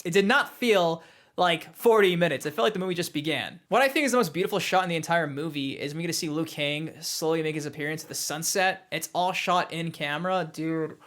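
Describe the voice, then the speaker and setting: An excitable young man giving a casual spoken movie review, his voice sitting high and bouncing around as he gets worked up. He jumps between fast asides and slower emphasis, and now and then he playfully imitates lines. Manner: excitable, animated, mimics quotes.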